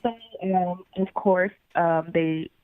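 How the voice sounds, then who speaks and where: A woman's voice: fairly low pitch, steady tone, slow, no room sound. A woman heard over the phone, telling her story as an interview guest in a hesitant way with many fillers. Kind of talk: personal story told in an interview. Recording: tinny phone line.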